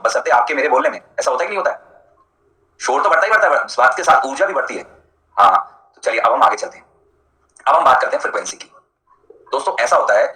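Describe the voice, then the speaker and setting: A man's voice: medium pitch, pushed and bright, echoey room, rough recording. A male teacher giving a live online lecture in a chatty, jokey way, answering students by name as he explains.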